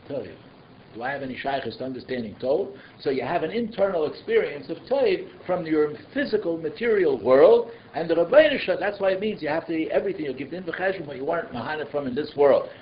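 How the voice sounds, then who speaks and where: A man with giving an informal religious class, asking rhetorical questions and slipping in conversational asides. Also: a little high. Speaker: rabbi giving a Torah class. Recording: echoey, muffled room recording with noise.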